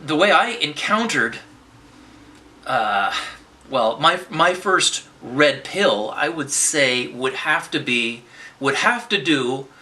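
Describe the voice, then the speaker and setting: A vlogger with a pushed, bright, medium-pitched voice rambles through an unscripted political monologue for his viewers. He keeps restarting his sentences and swears in bursts.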